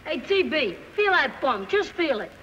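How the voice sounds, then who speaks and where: A man's voice: extremely high pitch, very animated, normal speed, pushed and bright, a little hiss or hum, full character voice. A young male actor playing a scrappy teenage slum boy with a New York accent in 1930s film style. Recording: muffled old film soundtrack.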